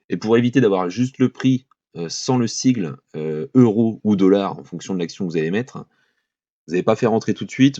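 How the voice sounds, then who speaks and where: A man, walking viewers through a spreadsheet in a relaxed screen-recorded tutorial, thinking aloud with fillers and small apologies. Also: fairly low pitch, no room sound. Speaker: finance tutorial host. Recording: dull lo-fi voice-over with keyboard clicks.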